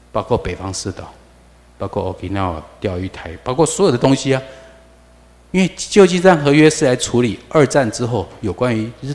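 Lecturing man in an echoing hall. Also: lowish voice. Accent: Taiwanese Mandarin. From Taiwan. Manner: asks the class rhetorical questions, switching into Taiwanese. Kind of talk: classroom lecture. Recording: long hall reverb.

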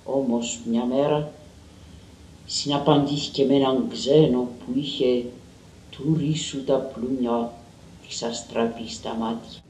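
A man giving a measured, dramatic literary reading of a story. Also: mid-range voice, fairly even intonation, darkish tone. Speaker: reader. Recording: roomy and distant.

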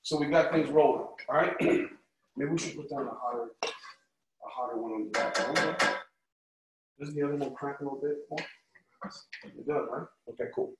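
With a medium-pitched voice, a moderate pace and long pauses, a man hosts a casual cooking class. He demonstrates while chatting encouragingly and upbeat, often asking "right?" or "okay?", in an echoey room with background noise.

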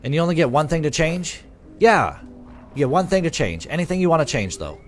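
A man's voice: a little high, lively intonation, fairly quick, soft background music. A man live streaming, chatting casually with his viewers, swearing freely and reading their comments aloud. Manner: loose, profane, reads chat comments aloud.

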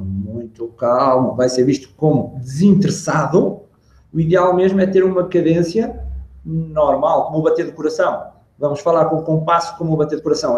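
Man with a European Portuguese accent explaining on a video call. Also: a little high. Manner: animated, demonstrates tones and pauses. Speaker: body language expert guest. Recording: roomy video call audio.

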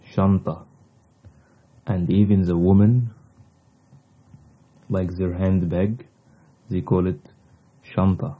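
A man whose native language is Arabic, teaching a language lesson in deliberate, halting short phrases on a slightly dull recording. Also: sits low, fairly even intonation, breathy edge. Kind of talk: slow instructional language lesson.

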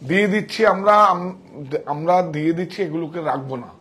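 A saree shop owner gives a casual, emphatic sales demonstration indoors in his showroom, repeating himself often, recorded on a wireless clip-on mic on his chest. His voice is a little high, fairly bright and slightly rough, and he talks fast.

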